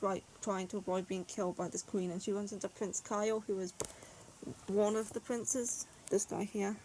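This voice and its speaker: A woman's voice: mid-range voice, darkish tone, slight background noise, poor audio. Chatty woman rambling about manga. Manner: chatty, rambling, frequent "like" and "yeah". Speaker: manga reviewer. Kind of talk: casual video review.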